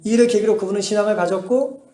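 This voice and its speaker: A man's voice: sits high, quick pace, mellow. A male pastor preaching a sermon in a church, asking the congregation rhetorical questions and answering them, telling his stories with emphasis. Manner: emphatic storytelling. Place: church sanctuary. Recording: echoey church hall.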